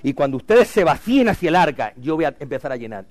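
Impassioned preacher, higher voice, dry sound. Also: male voice, sing-song, fast talker, dry recording. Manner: impassioned preaching, swinging from loud cries to hushed lines. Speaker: pastor. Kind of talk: sermon.

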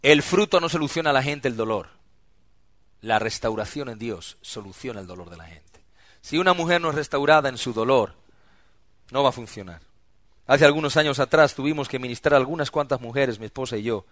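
A man preaching a sermon as pastor, swinging between loud emphatic outbursts and hushed, low asides. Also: dry recording.

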